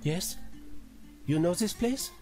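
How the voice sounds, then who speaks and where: A man's voice: high-pitched, animated, very slow, a little mellow, faint music behind, full character voice. A man voicing a fussy foreign woman with a thick put-on accent, in a game. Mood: hopeful.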